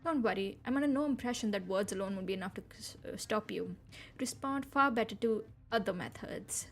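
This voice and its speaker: A woman's voice: medium pitch, a little fast, faint music behind, natural voice. A woman reading the lines of a blunt, foul-mouthed female vampire slayer in a game, hostile and sarcastic.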